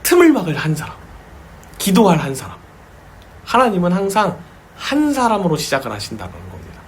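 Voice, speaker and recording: A man pastor delivers a sermon at a small home church, with a fairly high voice that swings widely in pitch. He tells stories with vivid sound words and sudden acted cries. A faint noise sits under the recording. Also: wildly swooping pitch, brisk.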